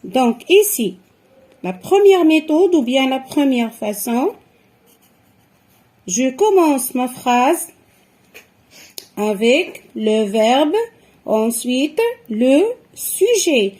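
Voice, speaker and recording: A woman's voice: sits high, animated, a little mellow. A woman teaching a grammar lesson to young children, explaining patiently and repeating each step. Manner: slow, patient explaining with repetitions.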